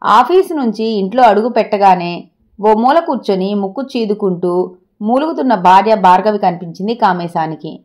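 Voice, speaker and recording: A woman storyteller reading moral stories aloud in a measured, friendly manner. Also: medium pitch, lively intonation, darkish tone.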